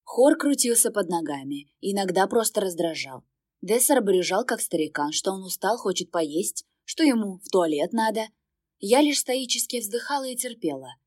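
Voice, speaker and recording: A woman reading first-person fantasy narration in an even, wry storytelling manner. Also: medium pitch, moderate pace, dry recording, studio quality. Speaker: audiobook narrator.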